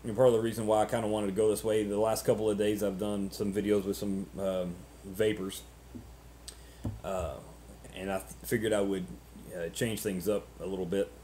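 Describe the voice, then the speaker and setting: A man in his thirties chatting casually and unscripted to camera as a vlogger, halting and ruminative, often repeating words, on noisy webcam audio. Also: fairly low pitch, flat delivery, mellow. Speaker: pipe-smoking vlogger.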